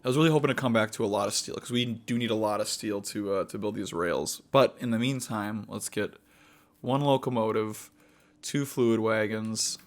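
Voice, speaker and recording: A young man giving casual gameplay commentary, rambling and halting with many fillers and restarts. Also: lowish voice. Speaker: gaming video host.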